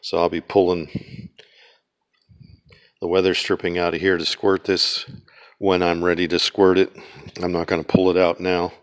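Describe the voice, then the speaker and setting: A man with a Pennsylvania accent talks through his garage restoration work in a very deep, low register. His delivery is flat and even, loose and rambling, with frequent ums and uhs as he walks a handheld camera around the car. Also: normal speed, pauses often. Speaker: DIY car restoration vlogger. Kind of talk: casual walk-around narration.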